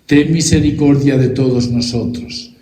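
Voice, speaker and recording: A man's voice: medium pitch, steady tone, warm tone. Man intoning prayers in church echo. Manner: solemn, measured intoning. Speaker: priest leading Mass. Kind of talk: liturgical prayer recitation. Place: large church. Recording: roomy church echo with faint music.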